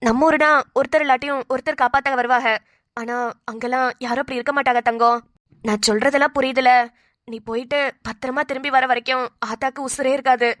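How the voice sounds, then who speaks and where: Cartoon granny, voiced by a woman, high bright voice, dry sound. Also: fairly even intonation, no echo, lightly acted. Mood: fretting. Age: older. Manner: chatty, fretting, quick rambling talk. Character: older village grandmother, fussy and protective. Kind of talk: cartoon voice acting.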